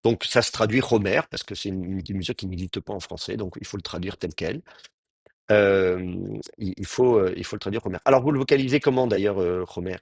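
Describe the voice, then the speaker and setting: Husky-voiced male language teacher. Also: low voice, fairly quick, darkish tone, dry recording, clean studio sound. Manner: patient, explanatory, with frequent restarts. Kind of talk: Hebrew grammar lecture.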